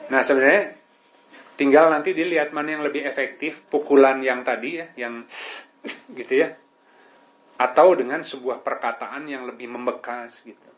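A man's voice: medium pitch, steady tone, normal speed. A man giving a casual religious lesson as a preacher, talking conversationally and often asking "right?". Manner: conversational, peppered with tag questions. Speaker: Islamic preacher. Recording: dull lo-fi recording.

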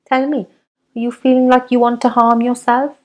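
Woman reader doing a soft-spoken, caring older nurse; calm and concerned. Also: fairly high pitch, moderate pace, pitched above the performer's own voice, close to an everyday voice. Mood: gentle concern.

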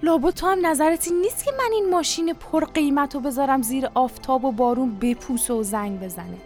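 A woman's voice: a little high, expressive, faint music behind, lightly acted. A woman reading an audiobook, voicing a boastful, scheming country father who talks in an eager, coaxing salesman manner.

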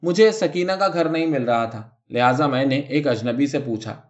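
A man doing Ayesha, a calm, mocking young wife. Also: medium pitch, lightly acted. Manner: calm, innocent-sounding replies. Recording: dull lo-fi recording.

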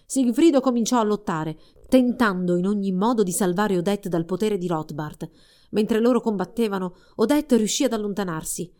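A woman's voice: medium pitch, moderate pace, darkish tone. Woman narrating a fairy tale. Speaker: storyteller. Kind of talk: storybook narration.

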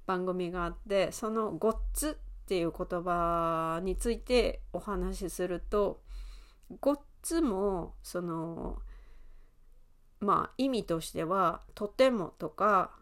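A woman in her thirties with an Osaka accent, hosting a podcast lesson and explaining words in an easygoing way with fillers and soft laughs. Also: lowish voice, slow. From Osaka, Japan. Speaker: Japanese teacher and podcast host.

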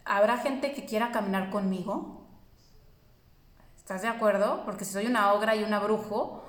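A woman's voice: mid-range voice, steady tone, normal speed, roomy sound. A woman, teaching a spiritual course in an earnest, reassuring way, speaking directly to her listeners.

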